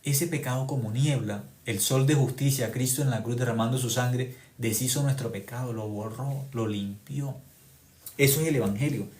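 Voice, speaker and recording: A male preacher delivers a sermon with strong emphasis, repeating key phrases. He moves between loud exclamations and quiet, low remarks. His voice sits at a medium pitch and rings in a roomy, echoing space. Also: moderate pace. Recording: echoey room.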